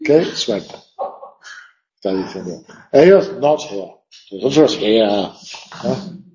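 Slow-talking male teacher, mellow lo-fi sound. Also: on the low side, lively intonation, roomy sound, a little hiss or hum. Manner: thinking aloud, reciting lines with stressed beats. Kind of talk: classroom lecture on English verse. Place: classroom. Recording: dull lo-fi classroom recording.

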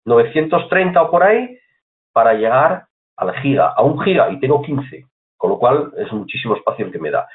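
A man walks learners through software step by step. His pitch moves a lot as he explains, and he keeps asking if they are following. The sound is tinny and narrow, like a phone line. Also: very animated, moderate pace. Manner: chatty, repeats points, asks "¿vale?" often. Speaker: computer course teacher. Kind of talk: screen-recorded software tutorial.

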